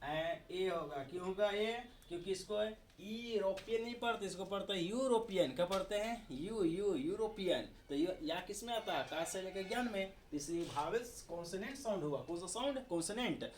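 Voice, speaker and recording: A man's voice: sits high, animated, moderate pace, few pauses, slight background noise. Indian man drilling a grammar lesson. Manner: drills students with repeated questions and answers. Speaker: English grammar teacher. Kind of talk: classroom-style video lesson in Hindi.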